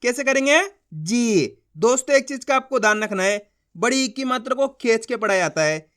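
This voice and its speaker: A man with a fairly high, smooth and resonant voice runs a beginners' reading lesson. He sounds out syllables one at a time, drawing them out, and keeps asking the learner how they are read. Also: fairly bright tone. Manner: slow, drawn-out syllable sounding with repeated questions to the learner. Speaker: teacher.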